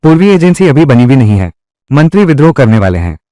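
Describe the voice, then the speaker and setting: A man's voice: mid-range voice, sing-song, quick pace, dark tone, dry recording, clean studio sound. A man performing declamatory dubbed dialogue for a historical drama. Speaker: dub voice actor.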